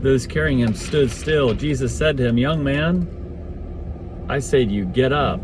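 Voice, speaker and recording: A man's voice: mid-range voice, unhurried. A man reciting a scripture narrative by rote from memory, correcting himself as he goes. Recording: loud outdoor vehicle and city noise.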